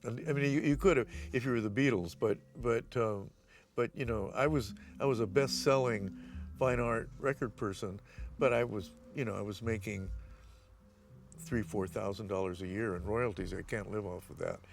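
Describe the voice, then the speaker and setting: In an interview, an older man tells anecdotes from his past, rambling, restarting often, and acting out quotes. His voice is lowish with vocal fry, at a moderate pace, and faint music plays behind him.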